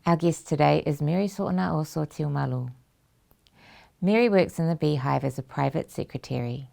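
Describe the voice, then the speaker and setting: Creaky-voiced woman hosting a show. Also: sits low, a little mellow. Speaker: host. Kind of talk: scripted show introduction.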